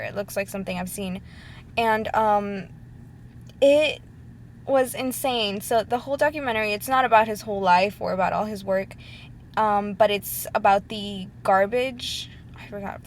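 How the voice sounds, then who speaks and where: A woman's voice: medium pitch, a little hiss or hum. A young woman of about twenty from Ecuador, talking casually and heartfelt to her laptop webcam, rambling with many ums and likes. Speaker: vlogger. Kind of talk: casual talk to camera. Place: indoors at home, sitting at her computer. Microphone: laptop webcam mic.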